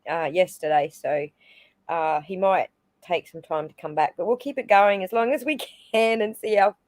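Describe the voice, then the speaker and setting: A woman's voice: fairly low pitch, normal speed, darkish tone, no room sound. Giggly woman on a dry video call. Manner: giggly, reactive interjections. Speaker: livestream panelist. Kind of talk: casual chat.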